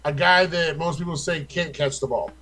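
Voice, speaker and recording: A man's voice: fairly high pitch, normal speed, bright, forceful tone, rough recording. Loose, stat-rattling young man. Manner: loose and profane, rattles off stats. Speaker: fantasy football co-host. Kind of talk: casual podcast chat.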